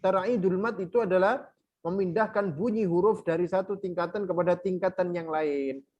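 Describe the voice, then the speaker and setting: High-voiced teacher. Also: male voice, a little mellow, muffled recording. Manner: explains rules then chants verses slowly, counting beats aloud. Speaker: Quran recitation teacher. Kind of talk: online workshop lesson with recited examples.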